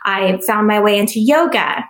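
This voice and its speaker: A soft-voiced, middle-aged woman appears as an interview guest, sharing her personal story in an earnest, reflective way with many restarts. She speaks at a normal speed with a medium pitch, and the sound is reverberant.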